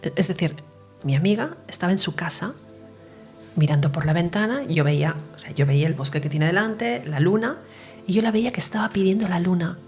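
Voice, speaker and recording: A woman's voice: on the low side, animated, brisk, a little mellow, soft background music. A woman recounting her near-death experience in an interview, earnest and emotional, sometimes dropping to a whisper. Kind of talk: personal testimony in an interview.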